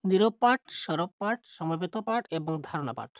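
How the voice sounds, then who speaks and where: Speaking with a fairly low pitch and lively intonation, a woman reads multiple-choice questions aloud in an online exam-prep lesson. She drags out the options, then answers rapidly, questioning and answering herself while mixing in English terms. The clean studio sound has no room ambience.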